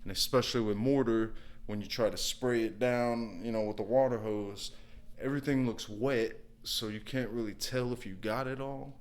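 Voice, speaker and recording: A man's voice: medium pitch, moderate pace. A man talking casually as a guest about his contracting work, rambling with lots of fillers and acting out an angry customer. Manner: relaxed, rambling, lots of "you know" and "like"; acts out an angry customer in quoted bursts. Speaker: guest, brick and mortar contractor. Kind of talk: casual storytelling interview.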